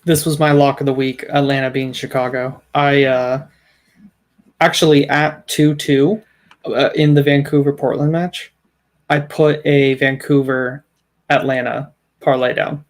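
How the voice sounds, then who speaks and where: A man's voice: mid-range voice, flat delivery, measured pace. A man co-hosting a sports podcast in casual chat, emphatic as he argues his points, with frequent restarts. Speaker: podcast co-host.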